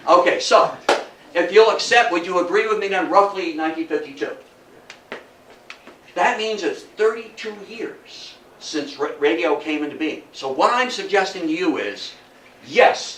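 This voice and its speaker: The older man's voice is high with a sharp tone as he gives his informal public history talk in Athens, New York. Emphatic storytelling, repeated phrases and rhetorical questions mark the lecture, heard through a distant mic in an echoey room with faint noise.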